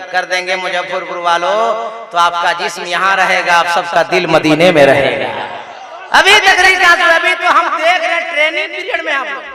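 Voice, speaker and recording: Male preacher, very high bright voice, dramatic shouted storytelling over a reverberant PA. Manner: dramatic storytelling, rising to chanted shouts and urging the crowd. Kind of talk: devotional sermon to a live gathering. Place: large outdoor gathering over a public address system. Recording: echoey PA sound with long reverb and faint crowd.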